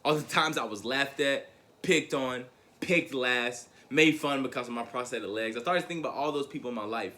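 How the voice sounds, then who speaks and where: A young man speaks to a crowd, telling his own story as a motivational speaker. His voice is bright and forceful and sits at an ordinary pitch. He talks in a lively way, repeats his words as he goes, and calls the listeners "guys". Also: brisk. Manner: animated storyteller who repeats words and addresses the audience as guys. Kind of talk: motivational speech, personal storytelling.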